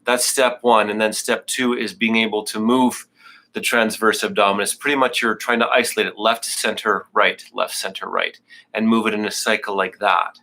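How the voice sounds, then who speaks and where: Teaching yoga live online, a man talks his students through breathing cues, joking casually and sounding a bit winded. His voice is lowish and level, at a normal speed, with a sharp edge.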